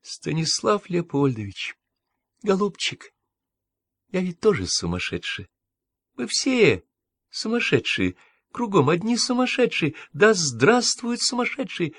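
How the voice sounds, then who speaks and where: A man's voice: high voice, very animated, measured pace, a bit bright, no echo, pitched above the performer's own voice, heavily acted. A man voicing an emotional, exalted elderly woman who pleads and cries out.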